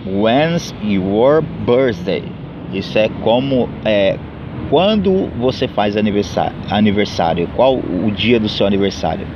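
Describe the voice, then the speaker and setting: A man's voice: lively intonation, moderate pace. A man with a Brazilian Portuguese accent giving an informal English lesson, repeating each number in both languages with frequent fillers. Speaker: English teacher. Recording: dull low-fidelity audio with faint street noise.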